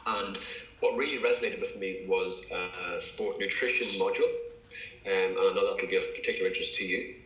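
An English male doctor guests on a podcast, talking hesitantly in casual interview style with many fillers and restarts. His voice is low, steady and sharp in tone, brisk in pace, and the recording sounds echoey, dull and lo-fi.

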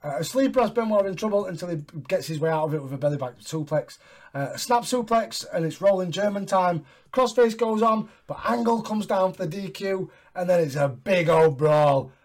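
A man hosting a casual recap chat with sweary, excitable fan talk. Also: sits high, fairly quick. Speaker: wrestling podcast host.

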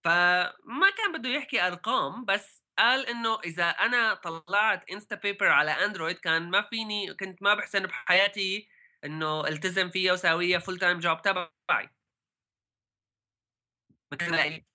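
Sharp, bright-voiced Levantine Arabic man, chatting. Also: high voice. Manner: halting, mixes English tech words into Arabic. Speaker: podcast co-host. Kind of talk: casual tech discussion.

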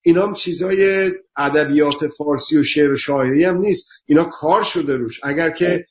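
A man's voice: on the high side, slight background noise. A man speaking earnestly on a talk show, lecturing through emphatic repeated lists. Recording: dull lo-fi sound.

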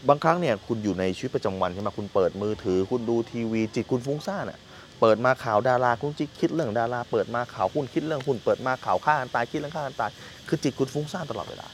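A man's voice: medium pitch, lively intonation, very fast, a little hiss or hum. A man, a business coach hosting his podcast, explaining a technique in a casual, earnest way with everyday examples, recorded outdoors at a forest temple. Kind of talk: casual teaching monologue.

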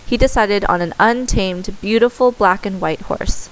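A woman reading a children's story aloud in steady scripted narration, with the odd small self-correction. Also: mid-range voice, normal speed, a little hiss or hum, low-quality recording.

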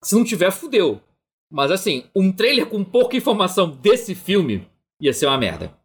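Animated Brazilian man with lively pitch. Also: normal speed, husky. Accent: Brazilian Portuguese. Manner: animated, rambling, slangy and joking. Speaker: podcast co-host. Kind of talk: casual chat on a live stream.

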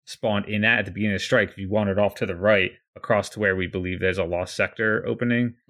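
A man's voice: on the low side, fairly even intonation, fast, a bit bright. A man co-hosting a casual gaming podcast, talking hesitantly with many fillers. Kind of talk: casual chat.

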